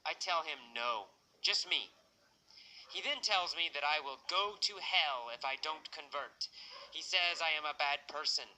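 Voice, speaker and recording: Bright-voiced male teacher, patient. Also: a little high, expressive, a little hiss or hum, poor audio. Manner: slow, patient, repeats and asks simple questions. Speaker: English teacher. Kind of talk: story-based language lesson.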